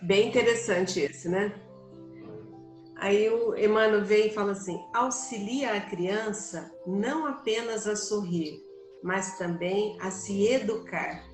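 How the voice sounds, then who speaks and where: A woman co-hosting a spiritist book study, explaining her points calmly with everyday examples. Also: mid-range voice, takes it slowly. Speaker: study group host. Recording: roomy sound with soft music.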